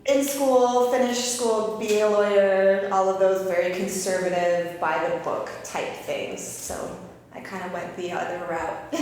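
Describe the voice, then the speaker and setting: A woman's voice: mid-range voice, steady tone, unhurried, darkish tone. Woman in her thirties in a roomy hall. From Canada (Calgary). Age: 30s. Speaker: interview guest, eyebrow artist. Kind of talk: candid interview storytelling. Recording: roomy reverberant space with faint noise.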